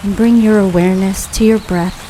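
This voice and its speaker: A woman leading a guided grounding meditation in a calm, soothing, unhurried way, leaving long pauses between phrases. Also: mid-range voice, low-quality recording. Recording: steady rain noise behind voice. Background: rain falling.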